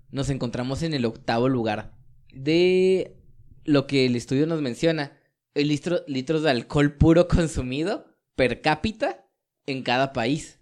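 A man's voice: medium pitch, darkish tone. A man, co-hosting a casual podcast, reading out statistics between crude jokes and laughter. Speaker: podcast co-host.

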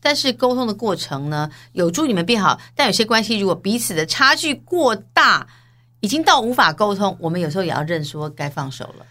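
Quick, lively woman summing up the topic. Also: medium pitch. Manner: summarizes and affirms, steering the topic. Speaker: podcast co-host. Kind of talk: casual chat.

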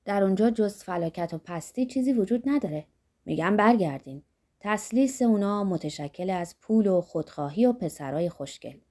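A woman's voice: medium pitch, expressive, mellow, pitched below the performer's own voice, lightly acted. A woman voicing a wild-eyed, half-mad male monk who rants and pleads fervently, in an audiobook. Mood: ranting.

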